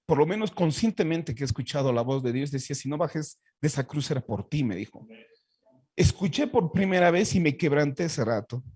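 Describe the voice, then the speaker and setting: A man's voice: fairly high pitch, darkish tone, breathy edge, no echo. A Bolivian man with a Bolivian Spanish accent, a pastor telling his personal faith testimony in an earnest, heartfelt way with frequent restarts.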